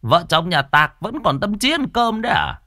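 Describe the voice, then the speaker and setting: A bossy, skeptical old village chief, played by a male storyteller scolds and sneers in a raised, nasal-high register. The delivery swings widely and the sound is dry and close. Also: big pitch swings, moderate pace, pushed and bright, no room sound, full character voice. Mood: scornful bossiness.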